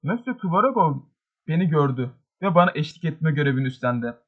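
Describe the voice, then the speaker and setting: Bir adam, telaşla gevezelik eden genç bir sosyete hanımını seslendiriyor. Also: male voice, a little high, very animated, fast, lo-fi sound. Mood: flustered. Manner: breathless, chattering excuses. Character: flustered young society lady.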